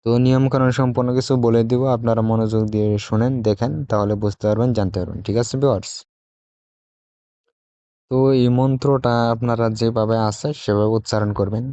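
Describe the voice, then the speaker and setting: A man's voice: mid-range voice, steady tone, fast, dark tone, no echo, muffled recording. A man talking casually to his video viewers as a self-styled tantric teacher, boastful and repetitive, like a salesman. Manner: boastful salesman tone, repeats phrases.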